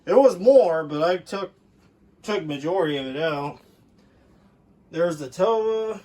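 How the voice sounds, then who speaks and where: A fairly high-voiced man, his tone on the darkish side, casually talks through his hobbyist setup like someone shooting a home video. The indoor handheld camera mic adds a little hiss or hum to this informal show-and-tell narration.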